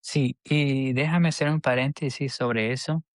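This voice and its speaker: A man from El Salvador, appearing as a podcast guest, chats casually in an interview, speaking hesitantly and earnestly and often restarting his sentences. His voice is medium-pitched with fairly even intonation, unhurried, and has no echo.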